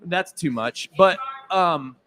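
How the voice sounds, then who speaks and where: A man co-hosting a charity livestream, playful and excitable, teasing his co-hosts. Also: on the high side, takes it slowly, over a noisy crowd. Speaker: livestream co-host. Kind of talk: lively charity stream banter.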